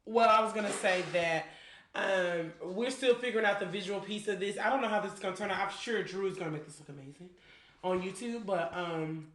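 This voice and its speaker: A woman's voice: medium pitch, a little fast, fairly bright tone, roomy sound, slight background noise. A woman co-hosting a podcast in loose casual chat, drifting from one thought to the next. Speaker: podcast co-host.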